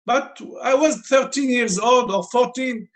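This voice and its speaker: A man's voice: very high-pitched, measured pace. A man in his fifties from Lebanon, speaking English as an interview guest, searching for words and breaking his grammar. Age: 50s. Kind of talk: interview answers.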